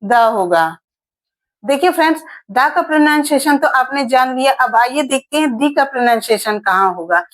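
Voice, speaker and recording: A woman's voice: sits high, lively intonation, normal speed, fairly bright tone, low-quality recording. A woman teaching English grammar in a lesson video, repeating key points and asking and answering her own questions. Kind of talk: explanatory lesson.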